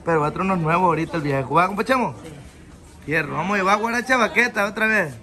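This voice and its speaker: A young adult man with a Sinaloan Mexican accent hosts a vlog of a day out with the boys, talking fast in a high, bright, pushed voice, loaded with street slang as he eggs his friends on. He's filmed on a handheld phone amid busy street noise and shop chatter.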